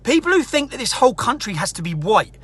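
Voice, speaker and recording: A man's voice: very high-pitched, big pitch swings, fast, a bit bright, slightly rough. An angry man ranting straight to camera as a political activist, sweary and combative, hammering his points again and again. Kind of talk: angry direct-to-camera rant.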